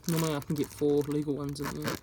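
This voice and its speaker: A woman's voice: deep voice, little pitch movement, fast, very noisy. Young New woman. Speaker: vlogger. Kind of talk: casual vlog talk to camera. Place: indoors, speaking to camera.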